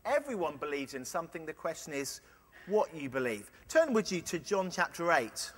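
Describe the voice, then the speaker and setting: A man preaching a sermon, earnest, with playful illustrations and quiet emphasis. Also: on the high side, sing-song, moderate pace. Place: large church. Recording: long church reverb.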